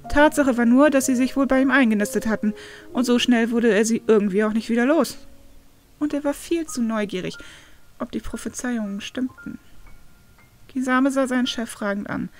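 A woman narrating fan fiction aloud at an even storytelling pace. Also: fairly high pitch, moderate pace, faint music behind.

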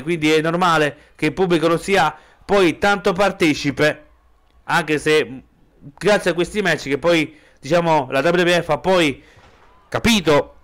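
A man's voice: fairly high pitch, a bit bright, clean tone. A man doing amateur play-by-play wrestling commentary, somewhat hesitant, returning to stock phrases.

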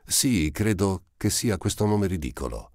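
A man's voice: sits low, expressive, measured pace, no echo, clean studio sound, voice pushed up. A man voicing a cheeky street-urchin boy with brash, teasing retorts in an audiobook. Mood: scornful. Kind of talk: audiobook character voice.

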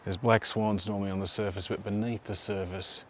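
A local history video host from Tasmania, Australia, presents casually on location by a river and along park paths. He's in his thirties, with a low voice and a slightly quick delivery, relaxed and conversational with offhand asides. A faint outdoor hiss sits behind him.

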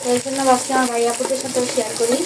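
A woman with a high voice talks straight to her viewers in a relaxed, chatty way. She narrates a home cooking vlog from her kitchen. Faint household noise sits behind her. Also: very fast. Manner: chatty, addresses viewers directly. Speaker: cooking vlogger.

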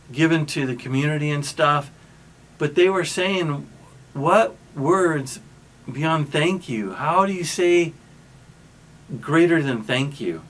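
A male pastor giving a sermon in a conversational, storytelling way, often restarting his sentences and pausing mid-thought. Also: a little high, a bit bright. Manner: conversational, with frequent restarts and trailing pauses.

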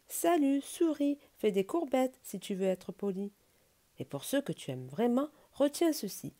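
Woman doing a calm, kind Madame Lapin. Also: a little high, full character voice. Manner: gentle, patient, coaxing. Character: calm kind wise female rabbit.

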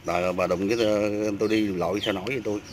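A man's voice: on the low side, fairly even intonation, fast talker. A man, a vlogger chatting casually and asking questions outdoors at a rural home while addressing viewers. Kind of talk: casual interviewing. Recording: noisy outdoor recording.

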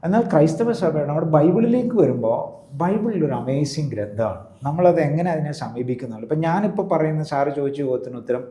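A man of the clergy explains in an interview, teaching step by step and pausing to check that he is followed. His voice is very dark and mellow. It is recorded in a room with noticeable echo. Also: a little high, lively intonation. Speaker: priest. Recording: roomy echo.

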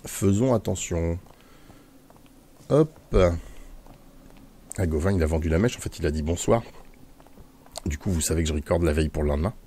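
A man's voice: a bass voice, brisk, pauses often, warm tone, a little hiss or hum. A man casually commenting on his gameplay, chatting to his in-game mount with many hesitations. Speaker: Let's Play gamer.

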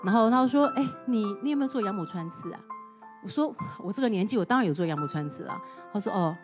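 A woman in her forties speaks quickly on a TV studio talk show and tells her story with lively, acted-out dialogue. She slips English words in as she goes. Music plays behind her voice. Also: mid-range voice. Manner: animated storyteller who acts out quoted dialogue. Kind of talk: casual chat, personal storytelling. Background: background music.

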